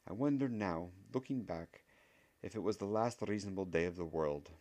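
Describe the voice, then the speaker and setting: A man's voice: low-pitched, normal speed, pitched above the performer's own voice, close to an everyday voice. A man putting on a clipped, stern older woman professor. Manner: clipped, sharp.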